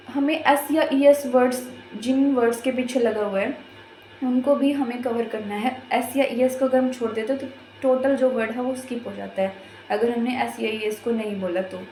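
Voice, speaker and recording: High-voiced woman teaching in an echoey room. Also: darkish tone. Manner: repetitive, patient step-by-step explaining. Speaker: exam prep teacher. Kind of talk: casual explanatory lesson.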